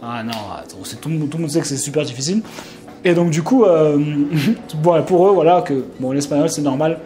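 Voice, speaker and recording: A young Frenchman telling a casual vlog story, rambling with many fillers and restarts and sudden animated outbursts. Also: fairly high pitch, a little fast. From France. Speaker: vlogger.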